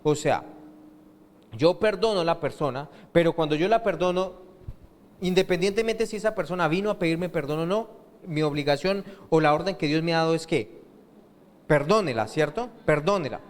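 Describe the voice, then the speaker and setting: A male pastor delivers a sermon, pausing to ask the congregation questions and let them finish his sentences. His voice sits a little high for a man. The sound carries the long reverb of a church hall. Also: expressive. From Colombia. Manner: asks rhetorical questions and lets the congregation fill in the answer.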